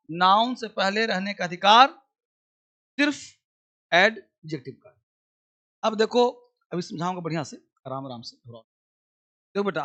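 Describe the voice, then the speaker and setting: Male grammar teacher, Hindi accent, higher-pitched voice, dictating and quizzing students in a lecture. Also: fairly bright tone. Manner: dictating to students with repeated checking questions; repeats example sentences slowly.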